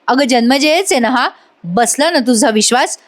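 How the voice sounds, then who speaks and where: A woman's voice: sits high, animated, moderate pace. A woman voicing a scheming young woman who taunts her rival and throws her out. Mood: taunting. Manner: taunting, scornful.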